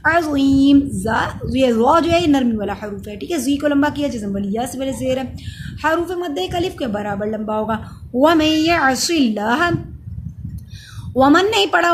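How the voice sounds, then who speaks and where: A woman teaching Quran recitation rules step by step. She chants the verse words slowly and loudly, then explains each rule in a plainer, lower voice, and sometimes stops to correct herself. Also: slight background noise. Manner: self-correcting, says sorry. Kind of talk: step-by-step tajweed lesson.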